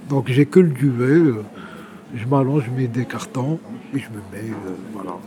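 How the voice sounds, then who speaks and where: Against background noise, a man with a medium-pitched voice talks at a normal speed. He is an Algerian Kabyle in his 60s, an exiled journalist living on the street, interviewed about his own experiences. His speech is loose and conversational, with words repeated as he hunts for the next.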